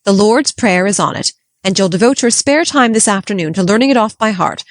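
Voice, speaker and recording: A woman's voice: medium pitch, expressive, a little fast, no echo, studio quality, natural voice. A woman voicing a strict, no-nonsense middle-aged spinster, clipped and disapproving. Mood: stern. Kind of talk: audiobook character voice.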